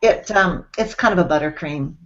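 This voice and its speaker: A woman's voice: low-pitched, normal speed. A woman from Central Washington talking thoughtfully in a casual group discussion. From Central Washington, USA. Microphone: video call. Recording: dull lo-fi video call audio.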